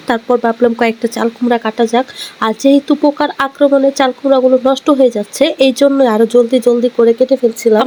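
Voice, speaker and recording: A woman, hoarse from a cold, chatting to viewers in a casual vlog voice-over. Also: high-pitched, a little mellow. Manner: chatty, addresses viewers directly. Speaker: vlogger.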